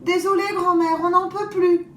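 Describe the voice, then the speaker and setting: A woman's voice: very high-pitched, flat delivery, moderate pace, fairly bright tone, roomy sound, a little hiss or hum, voice pushed up. A woman doing mischievous little girls. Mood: teasing. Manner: childlike, coaxing. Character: three mischievous little girls, sweet and sly.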